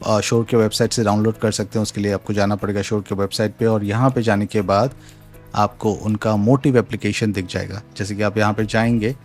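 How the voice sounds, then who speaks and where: A man giving a casual product demo at home, explaining settings step by step and mixing in English phrases. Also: fairly low pitch. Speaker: tech reviewer. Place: home room with a fan running. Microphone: studio USB mic at varying distance.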